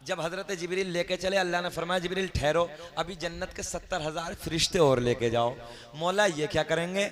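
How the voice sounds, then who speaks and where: A male preacher giving a devotional sermon to a gathering. He swings from soft talk to loud, impassioned declaiming and keeps urging the crowd to respond. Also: fairly high pitch, a little fast.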